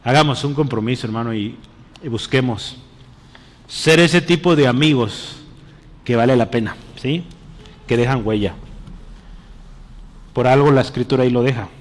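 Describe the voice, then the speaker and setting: Preacher in a reverberant church. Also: male voice, mid-range voice, normal speed, pauses often. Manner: keeps checking in with the congregation, calling them brother. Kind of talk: interactive sermon.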